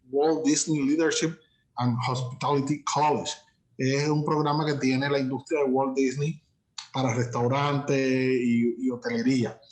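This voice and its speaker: A man hosting a prerecorded webinar from an office, introducing a guest at length with frequent fillers and restarts. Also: medium pitch. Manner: hesitant, many fillers and restarts. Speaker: host and entrepreneurship instructor.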